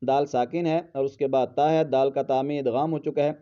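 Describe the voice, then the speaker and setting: A man teaching Quran pronunciation in a tajweed lesson, patiently spelling out letters and breaking into slow, drawn-out melodic recitation. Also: mid-range voice, steady tone, warm tone, smooth, highs cut off.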